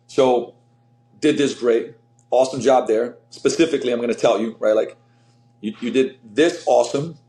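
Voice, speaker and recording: Energetic Slovenian-born man, roomy sound. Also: medium pitch. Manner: energetic, rambling, lots of fillers. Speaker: fitness coach, guest. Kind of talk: casual interview talk. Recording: roomy echo.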